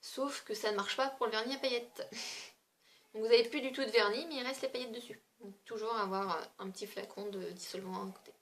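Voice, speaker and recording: A woman beauty vlogger chats casually through a product review, speaking loosely with lots of fillers and small hesitations. Her voice is a little high and fairly quick, with a slight hiss or hum in the audio.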